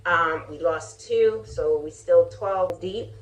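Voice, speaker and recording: A woman's voice: on the low side, takes it slowly. A middle-aged woman from Jamaica hosting a casual cooking vlog, chatty and candid, laughing often as she talks. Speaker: vlogger, channel host.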